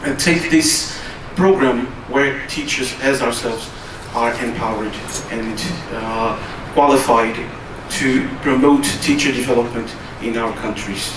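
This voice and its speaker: A man who is a native Portuguese speaker gives a formal conference presentation, measured and pausing often with "uh". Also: mid-range voice. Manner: measured, with frequent hesitations. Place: conference hall. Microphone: distant from the recorder. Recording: roomy, distant hall recording with noise.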